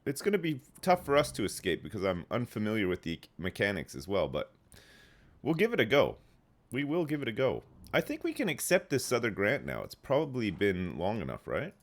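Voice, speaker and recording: A man in his thirties streams a game live, rambling phlegmily as he answers chat in casual gameplay talk. His voice is on the low side, fairly quick, with huge pitch swings.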